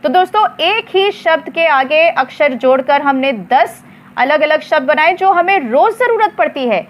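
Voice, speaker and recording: Speaking in an expressive, high voice, a woman gives an unhurried English lesson. Each word gets spelled out one letter at a time and repeated.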